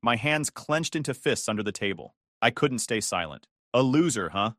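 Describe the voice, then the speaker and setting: A man's voice: mid-range voice, big pitch swings, moderate pace, pushed and bright, no echo, studio quality. A man narrating a first-person story in a bitter, confiding way.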